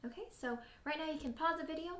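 A woman leading a children's worship lesson and prayer, gently asking the children questions and talking straight to them. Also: high-pitched, fast, reverberant.

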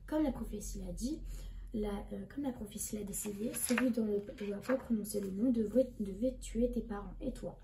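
A woman's voice: medium pitch, moderate pace, vocal fry, lightly acted. A woman reading the lines of an old, mysterious wand-seller man, hesitant at times. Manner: hesitant, restarts. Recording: echoey room with background noise.

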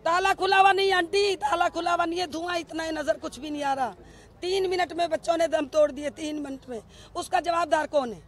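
A bereaved middle-aged mother speaks briskly into a bank of press microphones on a crowded street outside, making an emotional statement. Using rhetorical questions, she accuses and insists on answers, her very high voice keeping a fairly even intonation.

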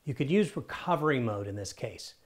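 A middle-aged man walks viewers through a phone tutorial in a friendly, conversational way. His pitch sits in the ordinary middle range for a man. He is recorded on a lapel mic in a studio. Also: lively intonation, a little fast. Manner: upbeat, direct, conversational. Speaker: tech tips host. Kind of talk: scripted tech how-to presentation. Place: in front of a studio screen wall, indoors.

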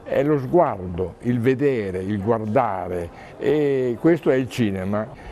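A man being interviewed about an exhibition he curated, speaking reflectively and thinking aloud with pauses. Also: mid-range voice, lively intonation, warm tone, a little hiss or hum. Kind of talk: interview answer.

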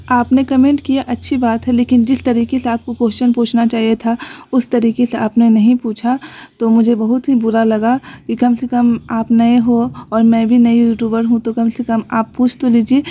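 In a casual voice-over vlog, a young woman from a village talks to her viewers, earnestly justifying and explaining how she does things. Her voice is warm and on the high side.

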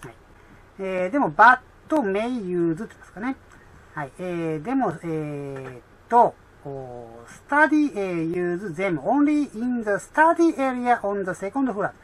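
A woman explaining an English exam in a chatty way with many fillers, reading English lines slowly and. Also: medium pitch, very animated.

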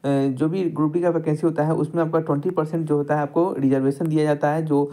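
On a screen-recorded lesson, a male exam tutor walks students through the material step by step, speaking to them directly. His voice sits on the high side with a dark tone, and he talks fast in a flat delivery.

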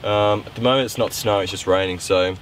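A man's voice: lowish voice, steady tone, fast talker. A young man from Tasmania talking casually to his camera at arm's length while hiking outdoors, enthusiastic and rambling with ums. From Tasmania, Australia. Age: young adult. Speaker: vlogger. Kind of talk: casual vlog narration. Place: outdoors on a wet, windy mountain. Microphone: handheld camera held at arm's length. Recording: outdoor vlog with noticeable background noise.

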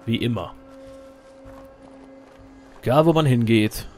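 A man's voice: mid-range voice, slow, a little mellow, faint music behind. A man giving casual, joking let's play commentary while he plays, talking to himself and his companion.

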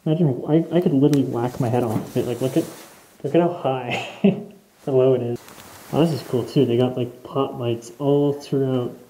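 A man's voice: mid-range voice, warm tone, slight background noise, rough recording. A young man casually narrating a walk through an empty abandoned house, thinking aloud and laughing easily while wearing a respirator. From Canada. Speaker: urban explorer host. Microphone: camera mic, wearing a respirator mask.

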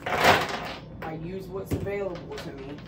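Chatting frankly to camera in her small apartment's bedroom and kitchen, this thirtysomething woman fills her casual vlog with "like" and "guys." She speaks slowly in a lowish voice. With the camera a few steps off, the room sounds echoey and far away, and there's background noise.

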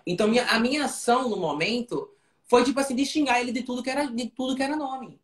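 A woman's voice: fairly high pitch, quick pace. A woman guest in an interview, casually telling a story with fillers and frequent check-ins like asking if the listener follows. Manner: tells it vividly, often checking in with "entendeu?". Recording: roomy echo.

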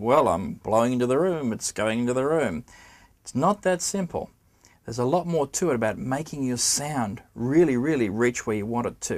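A middle-aged man giving a spoken trumpet lesson, talking straight to the viewer in a conversational way and asking questions. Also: medium pitch. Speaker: trumpet teacher. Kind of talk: spoken music lesson to camera.

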